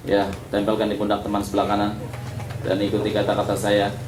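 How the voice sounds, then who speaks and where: Lively preacher. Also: male voice, fairly low pitch, fast, background noise. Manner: lively, joking, calls on listeners by name. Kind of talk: sermon. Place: prayer hall. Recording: echoey hall, faint ambience.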